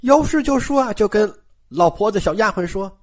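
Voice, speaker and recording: A woman's voice: medium pitch, lively intonation, normal speed. A woman retelling a classic novel in a chatty storytelling style, turning to the listeners with frequent asides.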